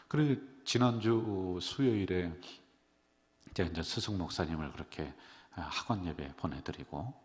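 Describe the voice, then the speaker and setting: A middle-aged male pastor with a worn, subdued voice, preaching a sermon with emotion and swinging between loud exclamations and hushed whispers. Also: deep voice, unhurried. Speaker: senior pastor. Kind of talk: sermon at a midweek prayer service. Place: church sanctuary. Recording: long reverb of a church sanctuary.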